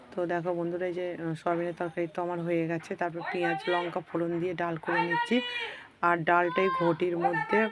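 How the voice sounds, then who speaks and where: Hoarse housewife chatting to viewers. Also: female voice, fairly low pitch. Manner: chatty, addresses viewers as friends. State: hoarse from a cold. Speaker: vlogger. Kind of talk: casual home vlog chat. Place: home kitchen.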